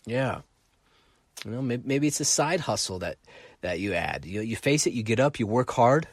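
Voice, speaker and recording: A middle-aged man hosting a solo podcast, telling a story in an animated way, acting out voices and repeating phrases. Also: medium pitch, normal speed, husky, no echo. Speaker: podcast host.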